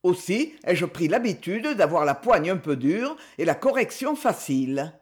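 A woman reading the part of a stern, self-possessed young man who disciplines his cousin, firm and measured. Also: on the low side, sing-song. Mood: explaining. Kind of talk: audiobook novel reading.

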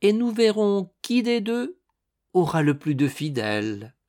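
A man's voice: high-pitched, very animated, a little slow, darkish tone, voice pushed up. A man reading an audiobook, voicing a proud, scheming young Renaissance noblewoman with a languid, grandly ambitious manner.

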